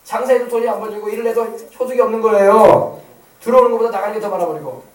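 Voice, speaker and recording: A man preaching a sermon as pastor, animated and emphatic, calling out for amens. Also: high-pitched, fast. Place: church sanctuary. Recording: echoey church hall, mic at a distance.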